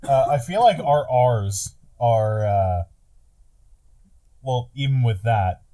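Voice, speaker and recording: Relaxed, hesitant podcast guest man. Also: medium pitch, slow pace. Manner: relaxed, hesitant with many fillers. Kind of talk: casual chat.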